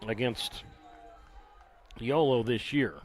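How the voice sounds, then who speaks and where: A man calling live baseball play-by-play from the ballpark, relaxed and conversational, with dry sarcastic asides. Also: medium pitch, takes it slowly, some chatter behind. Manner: conversational, wry asides, filler "uh" between counts. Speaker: play-by-play announcer.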